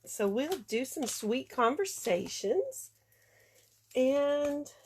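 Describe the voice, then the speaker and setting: A woman's voice: sits high, big pitch swings, drawn-out words, darkish tone, a little hiss or hum. A congested woman chatting casually through a craft tutorial, talking through each step as she works. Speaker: card-making demonstrator.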